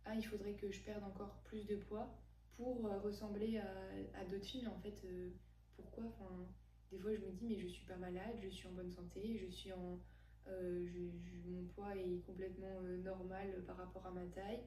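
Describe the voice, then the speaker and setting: A woman's voice: mid-range voice, level tone, normal speed, mellow. A woman in her twenties, a podcast guest, speaking hesitantly with many fillers in a thoughtful way. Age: 20s. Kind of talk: casual conversation. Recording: echoey room, distant mic, faint hum.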